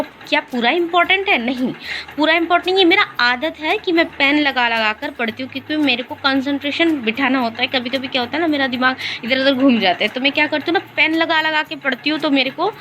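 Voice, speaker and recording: A woman's voice: high voice, bright, forceful tone, a little hiss or hum. A young woman chatting casually in a study vlog, explaining her approach with lots of fillers and restarts. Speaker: vlogger.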